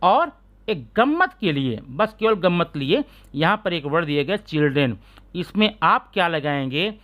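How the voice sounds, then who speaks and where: A man teaching English grammar in a classroom-style lesson, sounding out letters slowly and often asking his students if they follow. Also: fairly high pitch, very animated, muffled recording. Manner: keeps asking students rhetorical check questions.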